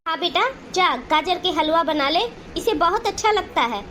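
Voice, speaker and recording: A woman's voice: very high voice, animated, normal speed, pushed and bright, slight background noise, exaggerated voice. A woman voicing an indulgent middle-aged mother in a Hindi cartoon, coaxing and placating.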